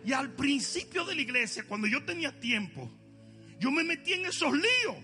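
A middle-aged man preaching as a pastor, telling comic stories with shouted punchlines before turning earnest. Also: very high-pitched, very animated, moderate pace, over music.

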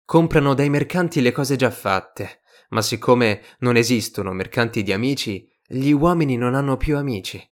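A man voicing a patient, slightly melancholy fox in an audiobook reading, calm and reflective. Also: medium pitch, moderate pace, hardly any pauses, close to an everyday voice. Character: wise, gentle fox, patient and a little melancholy.

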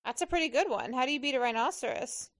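High-voiced, expressive woman. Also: quick pace. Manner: gushing, expressive. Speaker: movie reaction commentator. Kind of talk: casual film-watching chat.

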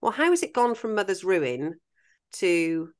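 A woman's voice: mid-range voice, big pitch swings, a little slow. A woman, hosting a podcast interview and talking through her views at length. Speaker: podcast host. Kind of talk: conversational interview.

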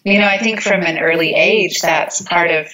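A woman guest speaking in a thoughtful, measured way, often pausing on "you know". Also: on the low side, bright, forceful tone, poor audio. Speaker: interview guest. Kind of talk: reflective interview talk.

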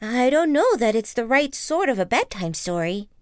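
A woman's voice: fairly high pitch, big pitch swings, moderate pace, a little mellow, clear, resonant tone, dry recording, clean studio sound. A woman voicing a tiny, nervous male piglet who stammers and hesitates. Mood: timid.

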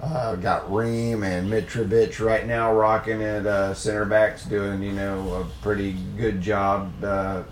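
A man with a low, gravelly, worn voice hosting a casual gaming podcast solo, in a meandering, self-deprecating way. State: voice worn from talking over crowds of children. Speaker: podcast host. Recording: noticeable background noise.

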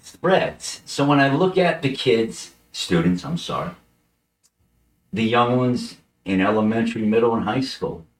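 A man's voice: mid-range voice, unhurried, roomy sound, far from the mic, poor audio. A middle-aged man, a teacher running for office, tells his life story with feeling and acts out the voices of the people in it. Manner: animated, acts out quoted voices, gets emotional. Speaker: political candidate and middle school teacher. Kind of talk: emotional personal storytelling.

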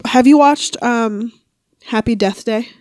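A woman's voice: fairly high pitch, slow pace, darkish tone, no room sound. Female podcast co-host, blunt and sweary, dry close recording. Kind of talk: casual chat.

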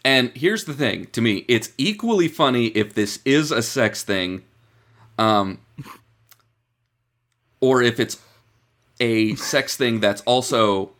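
A man with a medium-pitched voice co-hosts a casual comedy podcast. His delivery is very animated, rising and falling widely as he jokes around. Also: slow, long pauses. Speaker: podcast co-host.

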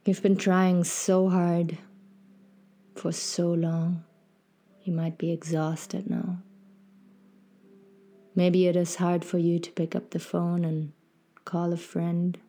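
Soft, slow, mellow woman guiding meditation. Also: fairly low pitch, level tone. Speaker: podcast host and meditation guide. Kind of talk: guided meditation.

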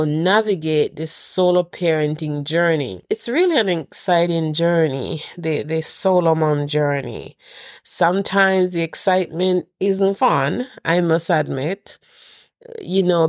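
A middle-aged woman with a deep voice hosts a podcast, sounding nasal as she recovers from a cold. She earnestly shares a casual holiday message with her listeners, restarting a few times. The recording is studio quality with no room sound.

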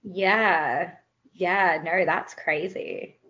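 A young woman co-hosting a casual podcast, mostly giving short reactions and teasing jokes. Her voice is breathy and a bit husky. The recording sounds somewhat dull and lo-fi. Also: on the low side, steady tone, extremely slow, bright, forceful tone. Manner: short reactions, joking, laughs often. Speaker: podcast co-host and listener. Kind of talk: casual chat.

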